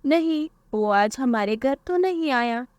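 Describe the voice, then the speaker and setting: A woman voicing a caring mother bird in a cartoon who asks gentle, concerned questions. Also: sits high, animated, measured pace, dry recording.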